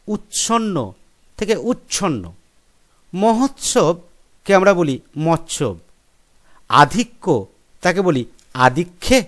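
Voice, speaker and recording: A man's voice: on the high side, fairly bright tone. A man teaching a school grammar lesson, explaining step by step and listing examples one by one. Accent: Bengali. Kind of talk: classroom lesson.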